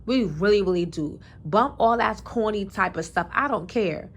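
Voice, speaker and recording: A woman's voice: mid-range voice, lively intonation, normal speed, breathy edge. Preachy, emphatic woman vlogger. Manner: colloquial speech with scripture references. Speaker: commentary vlogger. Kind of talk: opinionated monologue.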